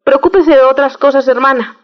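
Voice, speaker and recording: A woman's voice: high-pitched, fairly even intonation, fairly quick, lo-fi sound, lightly acted. A woman doing a dismissive skeptical priest.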